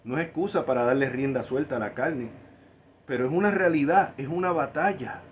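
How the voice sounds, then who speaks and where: A man's voice: fairly high pitch, a little fast, muffled recording, a little hiss or hum. A man preaching a sermon in church, earnest and confessional, rising to emphatic scripture reading. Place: church service.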